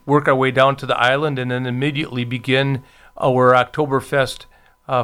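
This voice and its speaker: Chatty man with a clear voice. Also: mid-range voice, fairly bright tone. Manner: chatty, many filler pauses. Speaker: festival committee member, guest. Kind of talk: casual interview.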